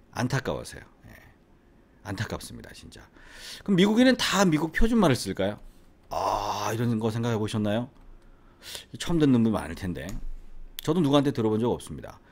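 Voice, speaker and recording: A man's voice: lowish voice, wildly swooping pitch, fairly quick, darkish tone. A middle-aged man from the Gyeongsang region with a faint Gyeongsang accent, an English academy owner and teacher talking casually to the camera and often asking the viewer rhetorical questions. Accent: faint Gyeongsang Korean. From Gyeongsang region, South Korea. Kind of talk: casual educational monologue to camera.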